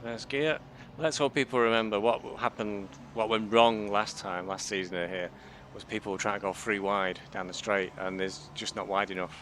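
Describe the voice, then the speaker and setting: A man's voice: on the low side, fairly even intonation, normal speed, hardly any pauses, a bit bright. A man giving casual running commentary on his own sim race as he drives. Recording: car engine noise behind.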